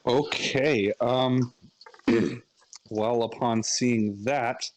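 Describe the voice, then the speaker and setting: A man's voice: medium pitch, steady tone, very slow, rough recording. A man playing in a tabletop game, narrating and voicing his character in a hesitant, stammering way. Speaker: player.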